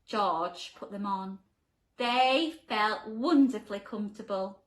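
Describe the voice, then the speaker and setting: A woman reading a children's storybook in an expressive, deliberate way, acting out the tale for young listeners. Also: mid-range voice. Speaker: primary school teacher reading a bedtime story.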